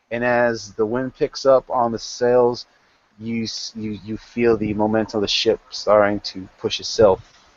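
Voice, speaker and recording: A man's voice: medium pitch, dull audio. A man narrating a tabletop game as game master, rambling with many restarts.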